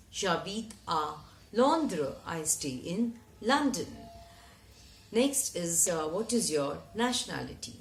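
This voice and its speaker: A woman teaching a French lesson, who spells out each phrase slowly and repeats it. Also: on the low side, a bit bright. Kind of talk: slow, deliberate language lesson. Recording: echoey room.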